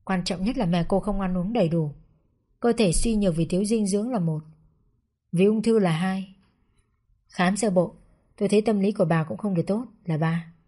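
A woman's voice: mid-range voice, moderate pace, pauses often, mellow, natural voice. A woman voicing a blunt male doctor. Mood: stern. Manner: blunt, matter-of-fact. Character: stern middle-aged male hospital doctor. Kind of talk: storybook narration.

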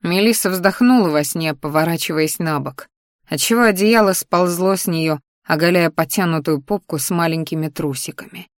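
A woman narrating a first-person novel in a steady, intimate storytelling manner. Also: lowish voice, moderate pace, no room sound, clean studio sound. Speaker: audiobook narrator.

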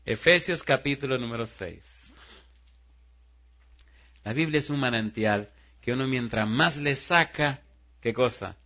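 A man preaching a sermon as pastor. He tells stories quietly and then rises into loud rhetorical questions to the congregation. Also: mid-range voice, measured pace, long pauses, dull audio.

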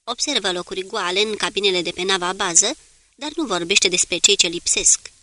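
A woman narrating an audiobook in an even, measured reading. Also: medium pitch. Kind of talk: scripted narration.

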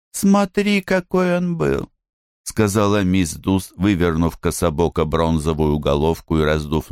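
A man narrating a literary audiobook in a measured, expressive reading. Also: rumbling low, clean tone, dry recording, clean studio sound. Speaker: audiobook reader.

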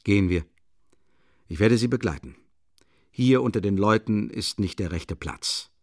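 A man reading an audiobook, voicing a distinguished male official who speaks in a calm, soothing, measured way. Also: on the low side, no room sound, clean studio sound.

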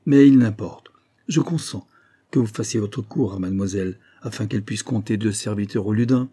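A man's voice: lowish voice, normal speed, dark tone, slightly rough. A man reading an audiobook, voicing a mischievous young noble in a mock-formal tone.

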